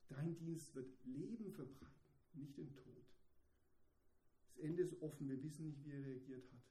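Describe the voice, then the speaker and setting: Dark-toned man preaching in an echoey room. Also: fairly high pitch, moderate pace. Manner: swings between hushed asides and emphatic raised passages. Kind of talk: sermon.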